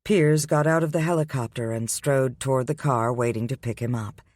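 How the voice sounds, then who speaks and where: A man's voice: medium pitch, normal speed, darkish tone, no room sound. Man narrating a romance audiobook.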